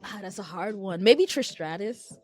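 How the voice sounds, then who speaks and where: Young woman wrestler from haiti, chatty and candid, easy laugh, mid pitch. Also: expressive, moderate pace. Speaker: professional wrestler, guest. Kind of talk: casual interview. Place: collectibles shop, indoors.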